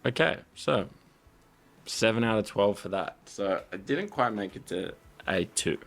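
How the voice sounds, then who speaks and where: A man's voice: fairly low pitch, animated, unhurried, vocal fry. A man working through language lessons, sounding out phrases and repeating the hard ones. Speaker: language learner. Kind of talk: practicing phrases aloud.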